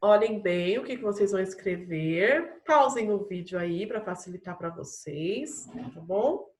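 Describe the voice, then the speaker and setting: A woman's voice: mid-range voice, lively intonation, unhurried, darkish tone, reverberant. A woman primary school teacher with a Brazilian Portuguese accent, giving a recorded online class and patiently explaining each task step by step to young pupils. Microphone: camera mic.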